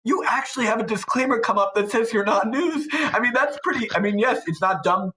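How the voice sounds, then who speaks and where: A man's voice: extremely high pitch, brisk, sharp tone, poor audio. A man co-hosting a podcast in casual chat, ranting sarcastically and mocking people with put-on voices. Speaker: podcast co-host.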